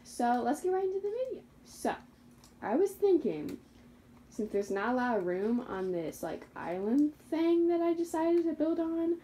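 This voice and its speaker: Over slight background noise and a rough recording, a young woman YouTuber talks through her Minecraft survival game in a high, sing-song voice with a dark tone at normal speed. She's chatty and meandering, correcting slips and laughing at herself.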